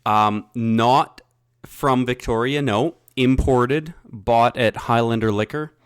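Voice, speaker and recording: A man's voice: mid-range voice, takes it slowly, clear, resonant tone, no echo. A man co-hosting a podcast, chatting casually and joking, sitting close to the mic. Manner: joking, swears freely. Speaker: podcast co-host. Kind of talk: casual chat.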